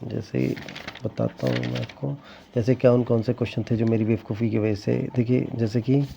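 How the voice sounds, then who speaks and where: This young man's mid-range voice is gravelly yet mellow as he casually tells his viewers his teacher exam scores, rambling, restarting frequently and sounding regretful. The vlog audio is dull and lo-fi, with faint ambience and slight background noise.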